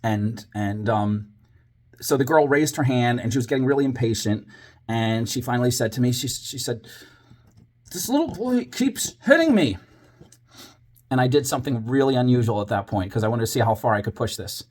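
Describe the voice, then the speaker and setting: A man's voice: medium pitch, steady tone, fairly quick, a little mellow. A man telling a story from his years as a teacher, dramatizing it with whispers and quoted voices. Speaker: former teacher, channel host. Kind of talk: personal storytelling monologue.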